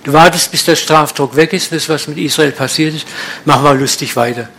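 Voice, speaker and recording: Ein Mann hält eine direkte, umgangssprachliche Predigt und spricht sein Publikum offen an. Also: male voice, fairly high pitch, fairly quick, fairly bright tone. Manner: direct, colloquial, blunt preaching. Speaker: preacher. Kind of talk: sermon with slides.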